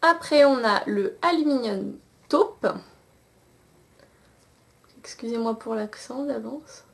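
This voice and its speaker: A young woman with a fairly bright, creaky voice on the high side reviews eyeshadows for her camcorder at normal speed. As a beauty vlogger showing swatches, she's chatty and casual, peppering her talk with fillers and restarts.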